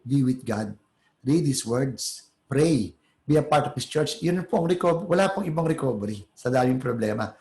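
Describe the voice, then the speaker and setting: A man's voice: mid-range voice, animated, moderate pace, a little mellow, echoey room. A man preaching a sermon as pastor, conversational and mixing in English, often checking in with the congregation through rhetorical tags.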